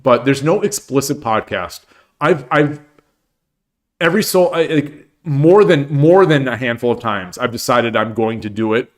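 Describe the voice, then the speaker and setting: This livestream host speaks at a medium pitch with lively intonation and a slightly slow pace. A streamer whose first language is English, he chats casually at length and responds to chat comments, restarting often and using many fillers.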